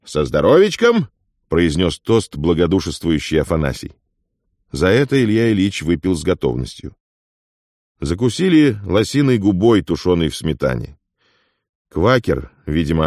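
Male audiobook narrator, low voice, expressive intonation, dry close recording. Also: normal speed, dry recording.

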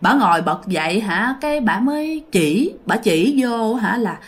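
A woman's voice: on the high side, very animated, a little slow, slightly rough. A woman with a Southern Vietnamese accent telling a ghost story in a casual, chatty way, talking directly to her listeners.

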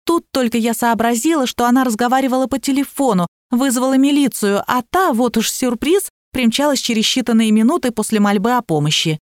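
Woman narrating a comic audiobook, high voice. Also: lively intonation, fairly quick, hardly any pauses, no echo, studio quality. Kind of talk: first-person audiobook narration.

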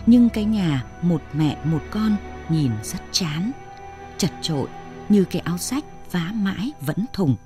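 A woman, narrating a story in a plain, steady way. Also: lowish voice, a little slow, faint music behind. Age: 60s. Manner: plain, steady telling with lists of short phrases.

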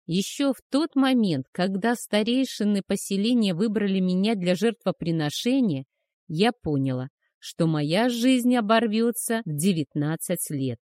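A woman narrating a first-person fantasy romance audiobook in a soft, measured, emotional way. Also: mid-range voice, lively intonation, dry recording, studio quality.

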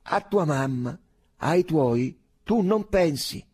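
A man reading aloud, voicing a tipsy, boisterous young male officer who keeps pressing his friend in a loud, jovial way. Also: a little high, lively intonation, slow, slightly rough, pitched above the performer's own voice, full character voice. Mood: insistent.

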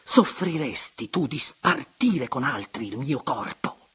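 A man voicing a young noblewoman who is tender and torn toward a former lover, speaking softly and sinking into hushed whispers. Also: mid-range voice, normal speed, husky. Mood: anguished. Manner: soft, hushed, dropping to whispers.

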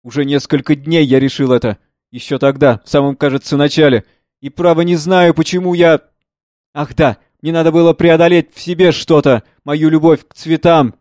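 An anguished, earnest aging writer and father, as a male reader voices him in a read-aloud play. He speaks in a raised, high, impassioned declamation. The voice sits close and dry, with no room sound. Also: steady tone, moderate pace, a little mellow, dry recording, natural voice.

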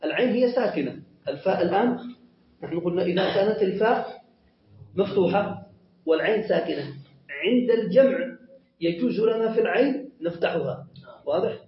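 A high-pitched man teaching a grammar class, patiently repeating each point and answering his own questions. The recording is muffled and lo-fi, with plenty of room echo. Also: lively intonation, a little fast. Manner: asks questions and answers them himself. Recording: echoey muffled lo-fi lesson recording.

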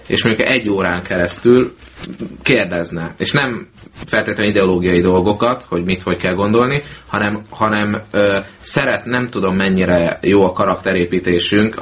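A man co-hosting an amateur talk radio show, speaking in a crude, cynical and blunt way. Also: fairly bright tone. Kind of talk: casual talk radio chat. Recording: low-bitrate mono mp3.

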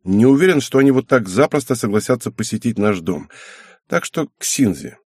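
A man voicing a patient, tired middle-aged father in an audiobook, speaking slowly with sighs. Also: mid-range voice, expressive, darkish tone, breathy edge, dry recording. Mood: calm. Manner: slow, sighing, soothing.

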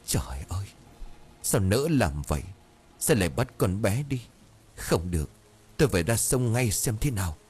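A man's voice: fairly low pitch, sing-song, moderate pace, long pauses, a little mellow, breathy edge, full character voice. A man doing a trembling old scholar muttering. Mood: grieving. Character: elderly village scholar, grief-stricken.

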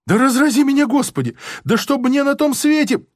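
A man voicing a servile convict who begs in a high, whining, pleading way, in a storybook reading. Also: lively intonation, moderate pace, no echo, studio quality. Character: pleading young male convict.

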